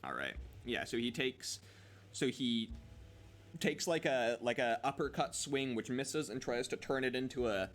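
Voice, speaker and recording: A man's voice: mid-range voice, animated, unhurried, fairly bright tone. Hesitant man playing a tabletop game. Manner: hesitant, many fillers and restarts. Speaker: player. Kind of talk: casual tabletop play.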